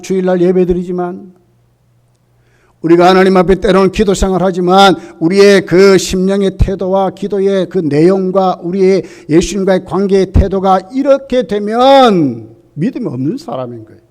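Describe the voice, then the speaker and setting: A man pastor preaching a sermon emphatically, asking repeated questions that rise to loud peaks. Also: high-pitched, normal speed.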